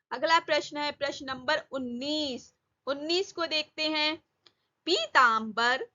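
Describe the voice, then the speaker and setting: High, bright-voiced woman teacher, slow. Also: lo-fi sound. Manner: repeats questions to students, drawn-out words. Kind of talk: exam-prep lesson.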